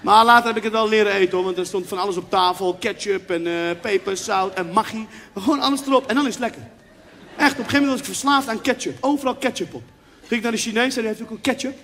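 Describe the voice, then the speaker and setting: A young man performing stand-up comedy, telling a story with animated delivery and acting out voices and sound effects. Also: high-pitched, fast talker. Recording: reverberant venue with faint background noise.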